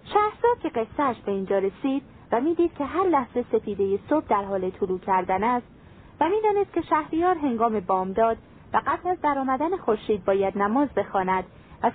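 A woman's voice: on the high side, slight background noise. Woman reading a fairy tale, tinny line. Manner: even, formal reading. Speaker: storyteller. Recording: tinny phone-like sound.

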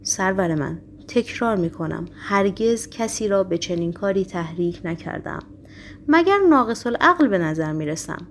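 A woman reading the part of a calm, gentle male prisoner who answers earnestly and without fear. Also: mid-range voice, slight background noise, close to an everyday voice.

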